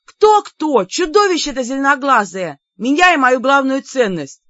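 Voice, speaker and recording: A woman voicing a feisty young heroine who yells and shrieks her lines in an audiobook. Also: sits high, big pitch swings, moderate pace, dry recording, muffled recording, voice pushed up. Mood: panicked. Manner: shrieking, loud exclamations. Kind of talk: audiobook character voice.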